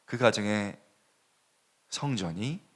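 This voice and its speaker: A male pastor preaching a sermon, telling a story with animated swings between hushed and raised delivery. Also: lowish voice, slow pace. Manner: animated storytelling, dropping to a hush and rising sharply.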